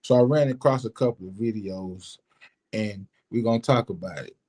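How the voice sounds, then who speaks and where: A man's voice: lowish voice, moderate pace, warm tone. A man co-hosting a podcast, talking passionately and with plenty of profanity, filling his lines with "man" and "bruh". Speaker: podcast co-host. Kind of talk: casual podcast chat.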